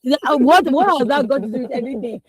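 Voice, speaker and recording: Speaking fast in a high-pitched voice, this young Nigerian co-host of a radio newspaper review reads headlines, then weighs in animatedly and emphatically, laughing between her points. Crowd noise can be heard behind her in the radio studio.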